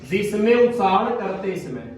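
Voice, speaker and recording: A man's voice: high-pitched, big pitch swings, measured pace. A man teaching a grammar class, quizzing students and repeating his questions. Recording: echoey classroom, from far off.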